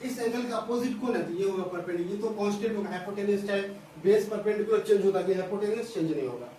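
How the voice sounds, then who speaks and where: Heard from a distance in an echoey room with faint hiss, a man explains a school maths lesson at a board one step at a time. He talks rapid-fire in a high-sitting voice with a dark tone, repeating phrases and often asking whether the students follow.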